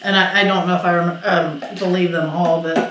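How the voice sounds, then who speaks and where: A middle-aged woman co-hosting a casual podcast, telling stories with lively acted-out quotes and plenty of swearing. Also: lowish voice, a little fast, recorded from a distance, a little hiss or hum. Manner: animated storyteller, acts out quotes, swears freely. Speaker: podcast co-host. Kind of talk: casual storytelling chat. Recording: echoey room, voices a bit off-mic.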